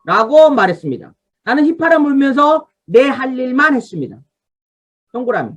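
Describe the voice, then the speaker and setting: This woman pastor speaks in a high, sing-song voice at a normal pace. She runs an online revival Bible study by video call, teaching from a study guide, telling people what to underline, and asking the congregation for responses.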